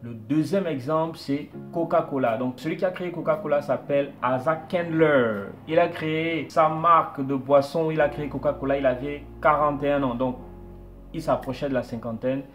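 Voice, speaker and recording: A man's voice: a little high, normal speed. French-speaking man giving business advice over guitar. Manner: explanatory, repeats points with "donc". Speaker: business coach. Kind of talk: motivational talk to camera.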